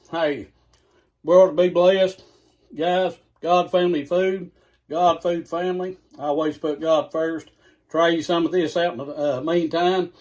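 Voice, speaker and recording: A man's voice: high-pitched, darkish tone. A man hosting a casual cooking video in a home kitchen, folksy and chatty, talking straight to his viewers. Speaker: cooking channel host.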